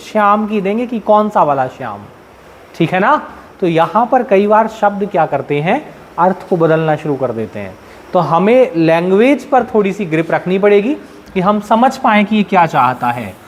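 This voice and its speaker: A man's voice: high voice, a little hiss or hum. A male teacher from central India giving a classroom lecture, explaining step by step with everyday examples and constantly asking his students questions.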